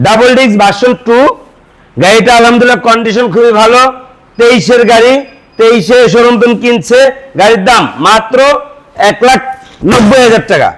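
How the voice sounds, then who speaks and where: Bangladeshi bengali guy, really high voice, doing used bike sales patter, one item after another. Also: brisk, a bit bright, low-quality recording. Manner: salesman's patter, listing features and prices item by item. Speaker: used motorbike seller. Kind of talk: showroom sales pitch.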